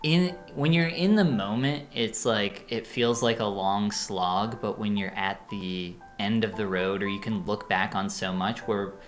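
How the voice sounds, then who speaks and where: A man's voice: fairly low pitch, measured pace, few pauses, faint music behind. A man co-hosting a casual chat, jokey and goofy as he talks. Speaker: co-host.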